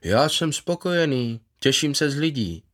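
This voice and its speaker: A man voicing a gentle, contented former footballer in his fifties, who talks eagerly and proudly about his past. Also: on the high side, expressive, voice pushed up. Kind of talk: voiced character in a read story.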